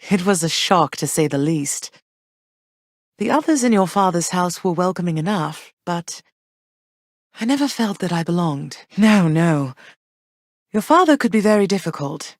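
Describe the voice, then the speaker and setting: A woman's voice: fairly low pitch, dry recording, clean studio sound. An actress voicing Persephone, a tender, proud goddess mother who speaks in formal, old-fashioned phrases. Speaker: game character voice. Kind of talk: game voice lines.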